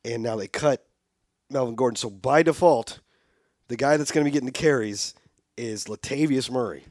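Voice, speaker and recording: A man's voice: medium pitch, moderate pace, a little mellow, dry recording, studio quality. A man co-hosting a podcast, chatting casually about football and reading listener emails aloud. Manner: conversational, reads listener letters aloud. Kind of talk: casual sports chat.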